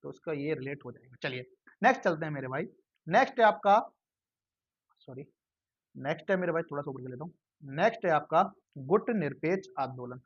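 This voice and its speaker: A man's voice: on the high side, animated, fairly quick, long pauses, slightly rough, no room sound, lo-fi sound. A man teaching a current-affairs lesson in Hindi. He repeats his memory tricks in sing-song chants and calls the viewer brother. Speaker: exam-prep teacher.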